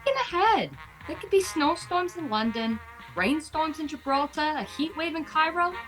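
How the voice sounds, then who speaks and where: A woman's voice: sits high, expressive, normal speed, a bit bright, faint music behind, rough recording. A woman playing a fussy, bossy wife in a comedic audio play. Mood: fussy, teasing.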